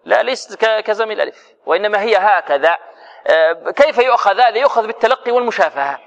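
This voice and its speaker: A man teaching Quran recitation to a class, his voice sitting a little high. He keeps asking the students questions, answers them himself, and demonstrates the sounds. The recording is muffled and lo-fi, with a long hall echo. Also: expressive, quick pace. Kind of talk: tajweed lesson to students.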